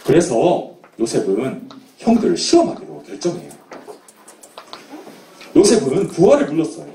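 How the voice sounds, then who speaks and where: A male children's preacher tells a Bible story with a high, swooping voice. His tone is mellow, and the room is echoey, with the mic set some way off. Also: moderate pace, distant mic, slight background noise. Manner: animated storytelling.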